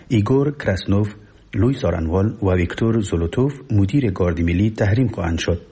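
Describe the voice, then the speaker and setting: A man's voice: lowish voice, warm tone, breathy edge. A man with an Afghan Dari accent reading a scripted radio news report in a solemn, formal manner. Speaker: newsreader.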